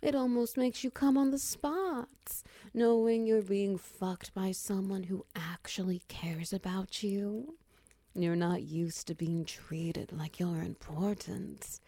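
Slow, mellow woman with a gravelly edge. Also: mid-range voice, fairly even intonation, no echo. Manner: slow, soft and teasing, dipping into whispers. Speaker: audio roleplay performer. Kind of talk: intimate scripted audio roleplay.

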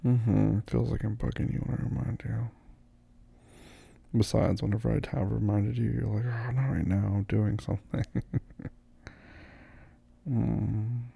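A man in a soft-spoken ASMR boyfriend roleplay, groggy as if just woken up, murmuring and often slipping into whispers. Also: lowish voice, flat delivery, unhurried, creaky, long pauses, breathy edge, dry recording, dull audio.

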